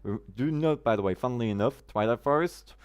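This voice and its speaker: A chatty German live streamer talks casually during gameplay, greeting viewers by name and using quirky, roundabout phrasing. His voice is mid-range and smooth, a little fast, and the audio sounds dull.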